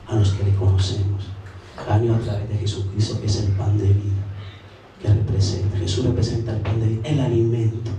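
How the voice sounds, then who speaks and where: A man preaching a sermon as pastor, earnest and steady, pausing and restarting phrases as he goes. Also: medium pitch, recorded from a distance, slight background noise. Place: large church sanctuary. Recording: very echoey church recording from afar.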